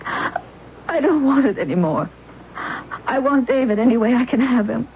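A slightly high, expressive female voice speaks at normal speed over slight background noise. The actress is both narrator and lead of a 1970s radio drama, playing an anguished young wife in a wheelchair who relates her own story, her pleading intensity collapsing into despair. The audio is a muffled vintage radio broadcast with music.

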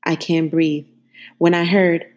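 A woman host in her thirties delivering a solemn spoken-word monologue, measured and grave, built around a repeated refrain. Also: fairly low pitch, level tone, darkish tone. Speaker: podcast host.

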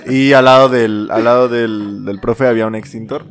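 A man's voice: medium pitch, steady tone, moderate pace, faint music behind. A young man with a Mexican accent telling a school story at an easy pace, full of hesitant fillers. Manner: laid-back anecdote with hesitant fillers. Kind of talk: casual chat among friends.

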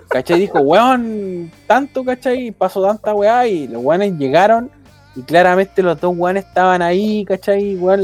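A man's voice: sits high, a little mellow. A young man with a Chilean accent telling a rambling, slang-filled anecdote in casual chat. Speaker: storyteller.

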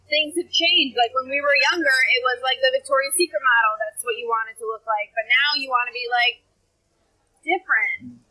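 A woman's voice: high voice, normal speed, bright, forceful tone, rough recording. A young woman in her college years co-hosting a casual podcast, earnest and full of "like" fillers. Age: young adult. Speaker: podcast co-host. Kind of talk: casual chat.

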